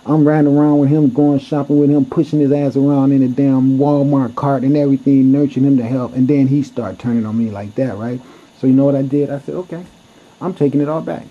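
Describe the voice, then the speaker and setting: A man's voice: medium pitch, steady tone, fairly quick. A man telling a story to camera in a blunt, heated way, cursing freely as he goes. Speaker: vlogger. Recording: dull lo-fi recording.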